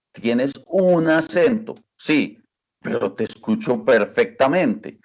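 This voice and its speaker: A man's voice: on the low side, a little mellow. A man answering interview questions as a language teacher, earnest and repeating phrases for emphasis.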